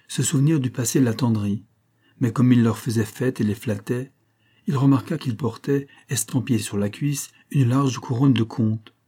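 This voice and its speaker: A man narrating a classic novel as an audiobook, in a measured, expressive reading. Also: mid-range voice, husky.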